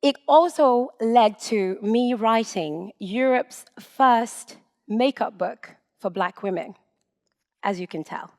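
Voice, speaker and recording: A woman's voice: a little high, a little mellow. Woman speaking in a reverberant hall. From Sweden. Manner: measured and emphatic, with deliberate pauses. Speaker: public speaker. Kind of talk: prepared public talk. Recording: long reverb in a lecture hall.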